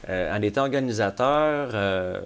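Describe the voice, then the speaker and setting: A man from Abitibi with a Québécois French accent, a game store owner talking casually as a guest, with lots of hesitant pauses and dry humor. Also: on the low side, animated, clean tone. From Abitibi, Quebec. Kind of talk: casual interview chat.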